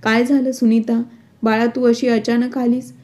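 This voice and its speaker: A gentle middle-aged father, calm and conciliatory, voiced by a woman reader. Fairly high, even and mellow, in a narrated storybook. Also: moderate pace, lightly acted.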